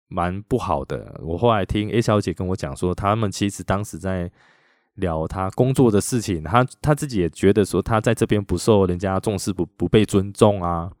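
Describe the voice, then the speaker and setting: A man's voice: lowish voice, darkish tone, dry recording, studio quality. A middle-aged man with a Taiwanese Mandarin accent, hosting a podcast and animatedly retelling a personal story in a chatty way. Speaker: podcast host.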